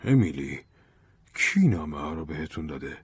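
A man playing an earnest, persistent investigator who presses and persuades, in a low, husky voice. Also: very animated, no room sound, studio quality, heavily acted. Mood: urgent. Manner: insistent, persuasive. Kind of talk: audiobook drama reading.

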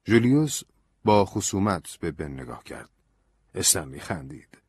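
A man narrating an audiobook in a calm, measured storytelling manner. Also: deep voice, breathy edge, no echo.

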